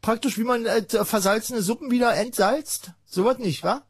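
Male call-in radio host, rambling jokey delivery, high husky voice. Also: moderate pace, no echo. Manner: rambling, joking, many filler sounds.

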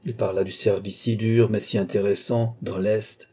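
Warm, husky male story reader. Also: lowish voice, level tone, moderate pace. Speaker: narrator. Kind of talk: scripted narration of a short story.

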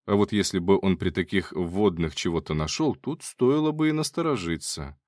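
A man narrates a first-person audiobook with a sardonic, chatty edge. His voice sits on the low side but swings widely in pitch. The recording is close and dry. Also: expressive, normal speed, darkish tone, no echo. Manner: sardonic, wry, conversational.

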